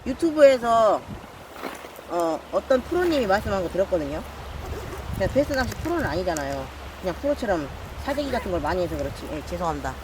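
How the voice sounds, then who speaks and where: Lively self-mocking man fishing outdoors. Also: sits high, a little fast. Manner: self-mocking, swings between mumbled apologies and loud frustrated outbursts. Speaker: fishing vlogger. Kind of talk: casual solo vlog narration. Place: outdoors by the water. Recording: noisy outdoor recording.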